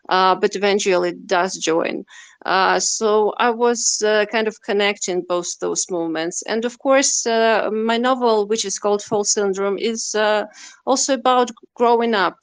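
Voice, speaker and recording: A woman's voice: medium pitch, gravelly, clean tone, dry recording. A woman from western Ukraine, a Russian speaker, answering interview questions as a novelist with many hesitant fillers. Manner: hesitant, heavy use of "uh" fillers. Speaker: novelist guest.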